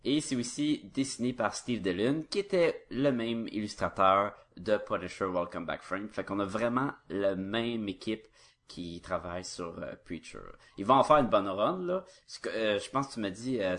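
A man with a fairly low voice and a Quebec French accent, co-hosting a podcast. He explains at length in a rambling, informal way. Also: normal speed, a bit bright. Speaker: podcast co-host. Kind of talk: casual chat.

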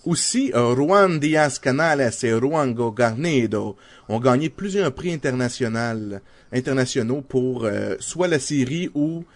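A man's voice: medium pitch, unhurried. A man with a Québécois French accent, co-hosting a casual podcast chat and laying out facts with frequent hesitations. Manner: relaxed, presents facts with many hesitations. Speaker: podcast co-host.

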